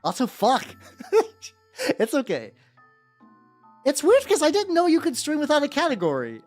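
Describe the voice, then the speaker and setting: Chatting off the cuff while painting miniatures, a livestreamer speaks in a high voice at normal speed with lively, swinging intonation. The talk is rambling and irreverent, full of stammers, words repeated mid-sentence and casual swearing. Faint music plays behind.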